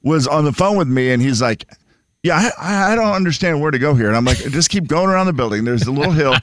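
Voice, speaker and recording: A man's voice: fairly high pitch, expressive, fast talker, dry recording. An American man co-hosting a morning radio show, chatting casually in a studio. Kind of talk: casual chat.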